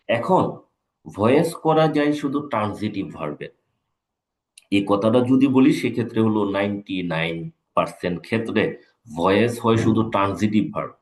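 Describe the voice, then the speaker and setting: A man, an English teacher, giving a live exam-prep lecture, repeating key points and checking in with his students. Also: fairly low pitch. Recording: echoey room.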